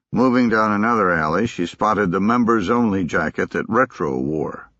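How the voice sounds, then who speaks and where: A man narrating a thriller audiobook in a steady, even storytelling manner. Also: sits low, dry recording, highs cut off.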